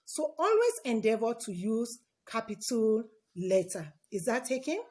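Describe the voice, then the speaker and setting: Woman teacher doing an online class for kids, slow and careful, voice bounces up and down a lot, keeps asking the kids questions. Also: on the high side, very animated, warm tone. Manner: repeats key words and asks the class questions. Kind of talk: online lesson for children.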